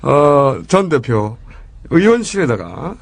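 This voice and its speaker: A man hosting a political talk podcast in a casual, teasing style. His voice runs high and lively, rising and dipping a lot, and he talks slowly. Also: vocal fry, no room sound. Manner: joking, teasing. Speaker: podcast host. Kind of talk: casual political comedy chat.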